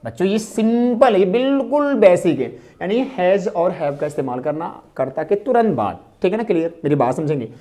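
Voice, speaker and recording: A woman teaching a grammar lesson to students, repeating key phrases slowly and asking rhetorical questions as she explains. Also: fairly low pitch, animated, mellow.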